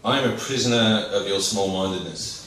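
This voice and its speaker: A man's voice: fairly low pitch, fairly quick, a bit bright, a little hiss or hum. A man performing slam poetry with a declamatory delivery. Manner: declamatory, first-person declarations. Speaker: slam poet, competitor. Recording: very echoey hall, distant microphone.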